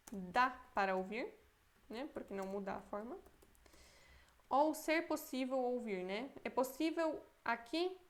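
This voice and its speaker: A Brazilian woman teaching a language lesson, repeating words slowly, thinking aloud and checking in often with her student. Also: a little high. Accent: Brazilian Portuguese. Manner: thinks aloud, unsure and self-correcting. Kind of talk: Portuguese-language Polish lesson.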